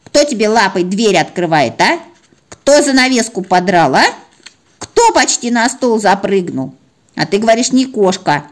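A woman's voice: mid-range voice, animated, normal speed, close to an everyday voice. A woman voicing a bossy female house cat who lectures like an indignant mentor.

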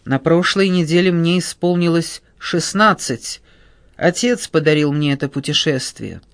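A man's voice: a little high, a little slow, a bit bright, smooth, no room sound. A man reading a sullen hungover teenage boy. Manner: mumbling, apologetic. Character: sullen sixteen-year-old boy, hungover and shy.

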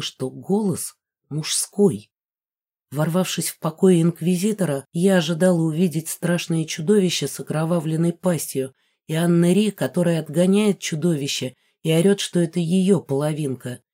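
A woman narrating a first-person novel as an audiobook in a smooth, even storytelling manner. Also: sits low.

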